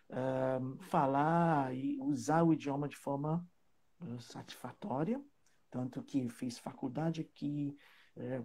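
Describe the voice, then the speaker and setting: A man from Trinidad and Tobago, his English, chatting as a guest teacher and pausing often to find his words. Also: medium pitch, a little mellow, breathy edge. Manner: hesitant, searching for words, with many fillers. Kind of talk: casual live chat.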